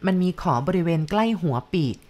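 A woman narrating a story in a calm, measured, descriptive reading voice.

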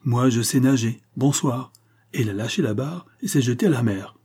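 Guy doing a sly joking male accomplice in an audiobook, warm husky voice. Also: mid-range voice, animated, normal speed. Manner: mocking, easygoing. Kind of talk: audiobook character reading.

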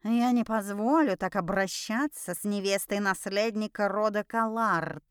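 A woman's voice: medium pitch, a little slow, clean tone, dry recording, clean studio sound, natural voice. Woman doing a barking stern rector. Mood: commanding. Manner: barking orders. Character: stern man, academy rector, commanding.

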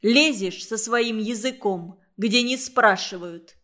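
A woman's voice: a little high, slow, a bit bright. Firm, sensible young girl, read by a woman. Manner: firm, stern.

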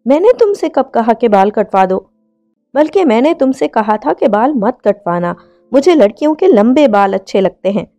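A woman's voice: on the high side, big pitch swings, normal speed, warm tone, muffled recording, soft background music. A woman voicing a hot-tempered young man who scolds his fiancée in a read-aloud story. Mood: exasperated. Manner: scolding, exasperated.

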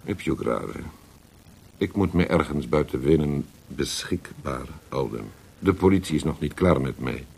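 Here the same radio-drama poet, worldly and scheming, is given a very deep, darkish male voice with an Italian accent, husky gravel, and halting theatrical phrasing dotted with Italian words. The performance is animated and fully in character, carrying a resigned, bitter mood, with a faint hiss or hum in the audio.

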